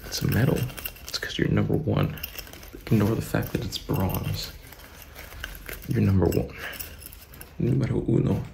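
A young man doing fast ASMR, a whispered role-play in a murmured, casual, repetitive way, close to the mic. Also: lowish voice, fairly even intonation, vocal fry. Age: young adult. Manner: murmured, casual, repeating phrases. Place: small room indoors. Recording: noisy close-up recording with clicking, tapping.

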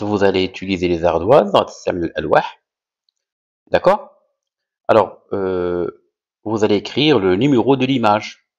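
A man giving a slow primary-school vocabulary lesson, repeating each word with careful, over-articulated pronunciation. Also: low-pitched, a little mellow, highs cut off. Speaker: teacher.

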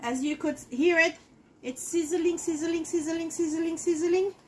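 A woman's voice: very high voice, steady tone, a little slow, a little mellow, slight background noise. A middle-aged woman giving a casual cooking demonstration in her home kitchen, chatting to viewers as she works. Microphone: fixed camera in front of the counter.

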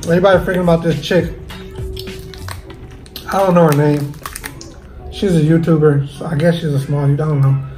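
A man's voice: on the high side, fairly even intonation, moderate pace, long pauses, warm tone, soft background music, rough recording. A man hosting his cooking channel, chatting casually while he eats through a mukbang. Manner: chatty, talks while eating.

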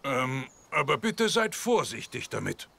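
A man's voice: mid-range voice, very animated, unhurried, vocal fry, fairly bright tone, full character voice. A man voicing a cautious, anxious badger father in a cartoon, with a hesitant manner. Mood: concerned. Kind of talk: cartoon voice acting.

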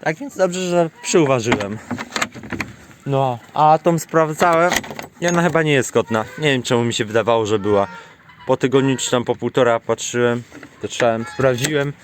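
A man talks casually outdoors in his farmyard, recording on a handheld camera as he walks around. He chats to the viewers and to his animals, scolding them and calling them in with a raised voice. His voice sits at an ordinary middle pitch, with a faint background hiss. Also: moderate pace. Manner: chatty, scolds and coaxes animals, calls them in a high voice. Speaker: farm vlogger. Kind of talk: casual chat while feeding animals.

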